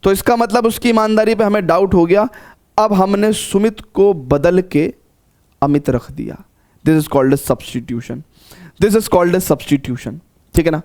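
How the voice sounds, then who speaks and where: Math teacher, male, high pitch, coaxing repetitive lecture style. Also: slow pace, darkish tone. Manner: coaxing, repeats phrases with frequent check-ins. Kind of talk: classroom lecture.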